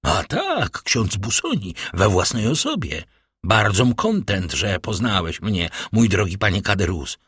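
A calm, ironic nobleman in disguise speaks with quiet self-assurance in an audiobook, as a man plays him. The voice sits low and husky, sounding dry and close. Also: a little slow, no room sound, heavily acted. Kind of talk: audiobook character voice.

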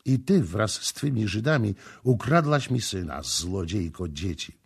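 A man voicing a stern young prince who speaks in a slow, measured, menacing way. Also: on the low side, lively intonation, vocal fry, husky, exaggerated voice. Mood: wrathful. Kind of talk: audiobook character voicing.

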